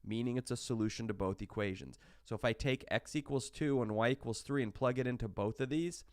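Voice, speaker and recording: A man's voice: medium pitch, a little fast, darkish tone, no echo, clean studio sound. A sick man with hiccups, casually talking through a recorded online math lecture with many fillers and restarts. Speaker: math instructor.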